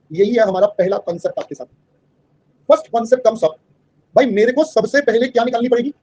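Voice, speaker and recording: A man's voice: high-pitched, warm tone, husky, muffled recording. A man teaching an online class in a mix of Hindi and English. He keeps checking that the students understand and calls them "beta".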